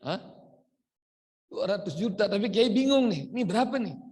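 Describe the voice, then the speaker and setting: A man's voice: high voice, normal speed. A male preacher, giving a sermon full of anecdotes and acting out the dialogue between characters. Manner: animated storyteller acting out dialogue. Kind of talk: sermon with storytelling.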